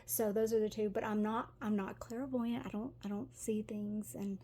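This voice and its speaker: This tarot reader, a middle-aged woman from Tennessee, talks through a casual reading to camera with a Southern accent, frequent fillers, and giggles. Her mellow, mid-range voice moves at a moderate pace with fairly even intonation, and there's slight background noise.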